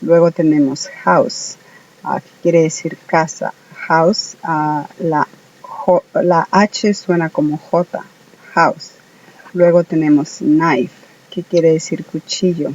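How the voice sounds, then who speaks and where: A speaker giving a home-made English lesson, hesitant, with many filler sounds and slow, careful repetition of words. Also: medium pitch, fairly even intonation, darkish tone, distant mic, highs cut off. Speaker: English teacher.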